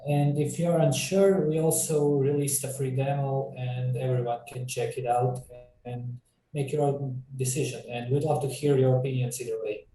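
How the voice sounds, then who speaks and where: Croatian man, dark voice, echoey room. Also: medium pitch, fairly even intonation, normal speed, far from the mic. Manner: hesitant, many fillers and restarts. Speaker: game developer guest. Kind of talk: casual interview talk.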